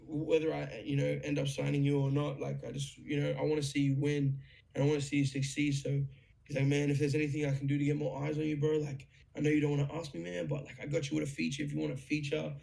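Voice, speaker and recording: A young man telling a story in a casual chat, excited, swearing freely and full of fillers. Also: on the high side, fast talker, vocal fry. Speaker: guest musician.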